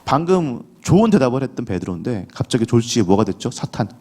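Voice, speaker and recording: A man's voice: mid-range voice, sing-song, fast, a little mellow. A middle-aged male pastor preaching a conversational early-morning sermon, acting out the voices of the people in the story. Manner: conversational preaching with acted quotes of biblical figures. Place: church sanctuary.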